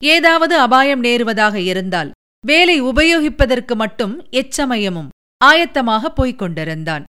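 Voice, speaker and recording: A woman narrating an audiobook of a historical novel in an even, measured storytelling manner. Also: fairly high pitch, clean tone.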